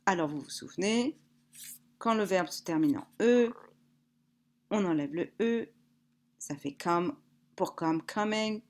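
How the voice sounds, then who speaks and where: A woman teaching English, drilling words slowly and explaining grammar more quickly. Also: on the low side, expressive. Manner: slow, deliberate drill words, then brisk explanations. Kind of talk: recorded language lesson, drilling vocabulary.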